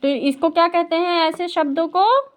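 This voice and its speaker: Patient high-voiced woman tutoring. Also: moderate pace. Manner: patient, asks questions and repeats answers. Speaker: tutor teaching a child. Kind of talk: home tutoring, Hindi lesson.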